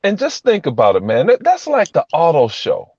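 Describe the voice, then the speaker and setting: A man's voice: fairly high pitch, wildly swooping pitch, normal speed, darkish tone, slightly rough, no room sound. A man in his fifties co-hosting a podcast, speaking emphatically and with scorn. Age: 50s. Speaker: podcast co-host. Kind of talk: casual podcast banter. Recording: dull lo-fi audio.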